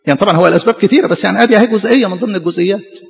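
A man's voice: high voice, very fast, creaky. A man with an Egyptian Arabic accent, a priest preaching a sermon in an earnest way, repeating phrases for emphasis. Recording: dull reverberant hall sound.

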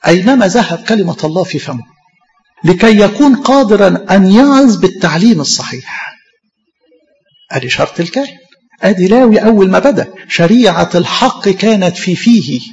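A man's voice: sits high, big pitch swings, fairly quick, pauses often, a little mellow, long reverb tail, lo-fi sound. A man with an Egyptian Arabic accent, a priest giving an impassioned sermon straight to his congregation. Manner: impassioned preaching, addresses the congregation directly.

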